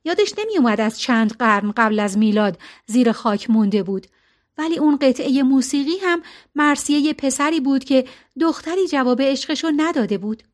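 A woman reading a novel aloud as narrator, in a calm, even way with colloquial phrasing. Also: high voice. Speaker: audiobook narrator.

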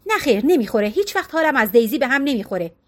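A woman's voice: high-pitched, very animated. A woman voicing an eager, emotional middle-aged wife in an audiobook. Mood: fretful. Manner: eager, pleading. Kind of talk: audiobook character reading.

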